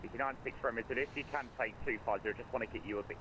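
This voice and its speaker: A man's voice: medium pitch, very fast. A man working as an air traffic controller, reading out procedural instructions over the radio. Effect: radio transmission. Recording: noisy radio with engine drone behind.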